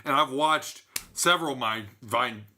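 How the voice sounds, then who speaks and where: A man's voice: mid-range voice, unhurried, sharp tone. A man co-hosting a casual podcast chat, swearing freely and arguing his point. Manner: swears a lot, argumentative. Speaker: podcast co-host. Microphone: shared studio mic.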